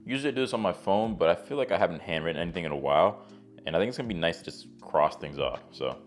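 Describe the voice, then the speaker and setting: A man's voice: sits low, animated, racing, soft background music. A young man talking casually in a vlog, laid-back and chatty with plenty of slang. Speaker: vlogger.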